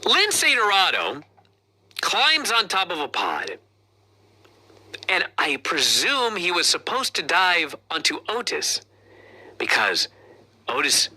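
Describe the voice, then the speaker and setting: Animated, bright-voiced wrestling podcast host. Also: medium pitch, takes it slowly, pauses often, slightly rough. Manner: profane, animated play-by-play retelling. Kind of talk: casual wrestling review chat.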